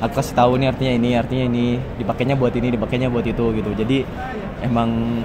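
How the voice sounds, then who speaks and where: Fast-talking young Indonesian man, casual. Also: mid-range voice, level tone. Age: young adult. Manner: colloquial, agreeable, peppered with slang particles. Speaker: vlogger. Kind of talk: casual chat. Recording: busy outdoor crowd and traffic.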